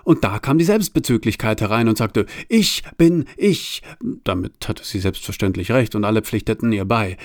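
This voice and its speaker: A man reading a novel aloud in a dry, deadpan storytelling manner. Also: lowish voice, a little fast, hardly any pauses, no room sound. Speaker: narrator. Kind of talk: audiobook reading.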